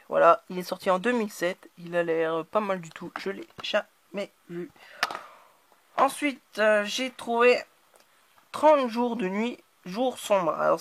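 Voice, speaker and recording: A woman hosting her own channel, talking casually through a haul of new purchases, often hesitating and filling pauses. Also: mid-range voice. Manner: hesitant, constant filler words. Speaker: channel host. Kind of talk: casual DVD haul talk to camera.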